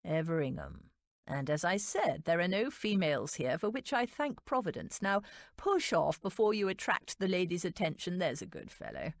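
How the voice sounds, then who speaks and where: A woman's voice: on the low side, huge pitch swings, normal speed, creaky, no room sound, full character voice. A woman narrator voicing an arrogant duke with a dry, disdainful drawl in a romance audiobook. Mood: disdainful, smug.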